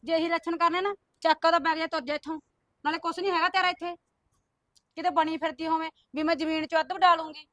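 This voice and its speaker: A woman's voice: sits high, fast talker, fairly bright tone, no echo. A woman playing a harsh sister-in-law. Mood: commanding. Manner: accusing, commanding. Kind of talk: village short-film drama.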